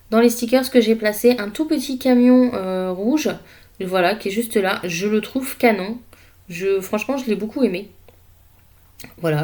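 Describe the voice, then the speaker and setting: A woman talks through her art journal page in an easygoing voice-over. She speaks slowly and loosely, with many small hesitations as she thinks aloud. Her pitch sits in an ordinary middle range. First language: French. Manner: relaxed and unhurried, with frequent hesitations. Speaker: craft vlogger. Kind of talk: casual voice-over narrating a scrapbooking session.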